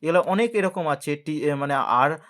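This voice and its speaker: A man with a slightly high voice teaches an English grammar lesson to a video audience. He explains step by step and keeps checking that his listeners follow along. He slows right down to read each example sentence carefully. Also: animated, a bit bright. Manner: explains slowly, often checks understanding with a question; reads English example sentences slowly and deliberately. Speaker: English tutor.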